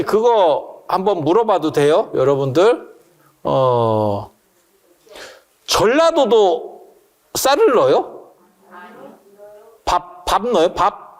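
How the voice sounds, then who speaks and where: Chatty monk joking with listeners. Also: male voice, on the high side, darkish tone. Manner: chatty, joking, asks the audience questions. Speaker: Buddhist monk lecturer. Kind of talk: casual dharma talk to an audience. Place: temple hall with listeners.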